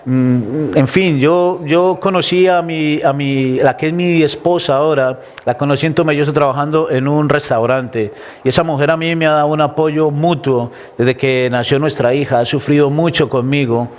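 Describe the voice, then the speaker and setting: His voice sits a little high and moves at a moderate pace. He's a Colombian guest with a Colombian Spanish accent, sharing a reflective, emotional testimony in an interview and frequently starting over mid-thought.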